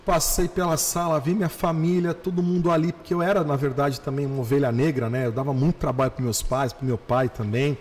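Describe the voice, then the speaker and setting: A male pastor telling his conversion story on a podcast, animated, slowing down and repeating phrases for emphasis. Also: on the high side, in a large hall. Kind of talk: podcast testimony.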